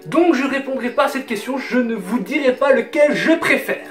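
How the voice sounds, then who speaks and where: This is a Belgian French-accented YouTuber, eighteen and from Hainaut in southern Belgium, fielding viewer questions with casual emphasis to camera. His very high voice is expressive and moves at a moderate pace. Recorded indoors in a small bedroom with a roomy sound and music beneath.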